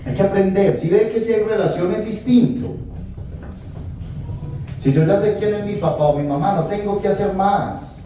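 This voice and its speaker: A man's voice: high-pitched, normal speed, dark tone. A man giving a retreat talk as a priest, telling scripture stories and acting out the dialogue with humor. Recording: echoey hall, distant mic, faint noise.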